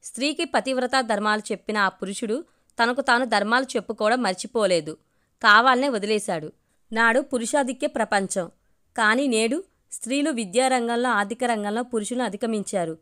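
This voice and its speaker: A woman's voice: fairly high pitch, a little fast, sharp tone. A woman voicing a firm, dignified middle-aged wife and mother in a storybook reading, arguing in a reproachful way.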